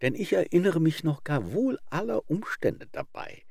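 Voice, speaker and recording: A man's voice: a little high, very animated, normal speed, vocal fry, darkish tone, slightly rough, no echo, studio quality, voice pushed up, heavily acted. A man voicing a sly male fox who speaks with sarcastic mockery in a fable. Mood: mocking.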